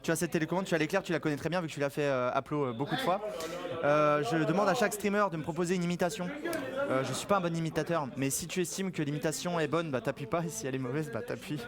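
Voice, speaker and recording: Excitable French man, crowd behind. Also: a little high, quick pace. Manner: excitable, yelps and swears loudly when shocked. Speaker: streamer going from stream to stream at a charity event. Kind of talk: casual chat, explaining a game. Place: crowded indoor event venue. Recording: busy crowd noise of a live event.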